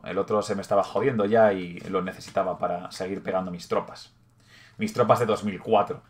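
A young man from Spain with a Spain Spanish accent, hosting a casual hobby vlog in a chatty, rambling way, often correcting himself and swearing offhandedly. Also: on the low side. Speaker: channel host.

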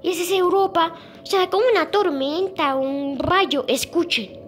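Very high-pitched girl presenting sounds. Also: a little hiss or hum. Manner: halting, repeats "escuchen" and "o sea". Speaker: video creator presenting moon sounds. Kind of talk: casual narration over sound clips.

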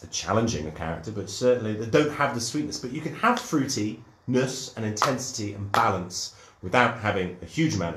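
A man's voice: on the low side, roomy sound. Chatty man hosting a live cider tasting. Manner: enthusiastic, lots of ums and restarts, greets viewers.

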